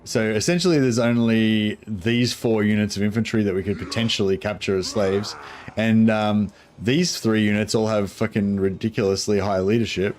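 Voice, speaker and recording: Low-voiced man, broad Kiwi accent. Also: steady tone, normal speed, darkish tone, slight background noise. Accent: broad New Zealand. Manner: laid-back, sweary, rambling. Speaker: gaming streamer. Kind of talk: casual gameplay commentary.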